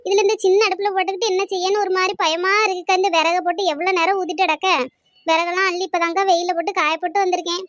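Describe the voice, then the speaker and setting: A woman's voice: extremely high pitch, little pitch movement, racing, fairly bright tone, no room sound, highs cut off. A woman voicing a chatty young village woman in a cartoon. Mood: nervous. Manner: eager, chatty, listing details. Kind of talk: cartoon voice acting.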